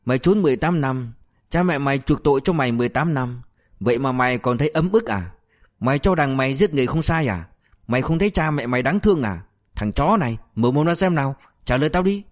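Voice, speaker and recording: A man's voice: medium pitch, lively intonation, fast talker, natural voice. A man voicing a ruthless male police officer who berates a suspect with harsh, relentless abuse. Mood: furious.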